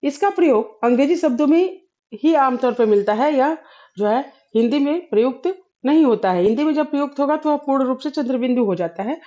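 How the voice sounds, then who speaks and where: A woman teaching a spoken Hindi grammar lesson, explaining slowly with many fillers and pauses and clearing her throat often. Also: high-pitched, expressive, mellow, dull audio.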